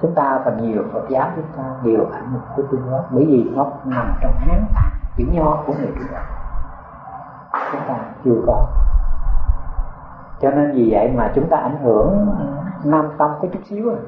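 An older monk giving a folksy, chatty dharma talk full of rhetorical questions. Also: male voice, mid-range voice, animated, normal speed. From Vietnam. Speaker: Buddhist monk teacher. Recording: echoey, tinny phone-like sound with faint noise.

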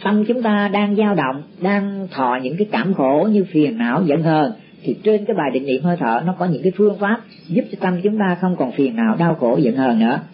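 A man giving a Buddhist dharma talk to disciples. He teaches slowly and repeats words as he searches for them. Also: fairly high pitch, animated. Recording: muffled lo-fi recording with faint background noise.

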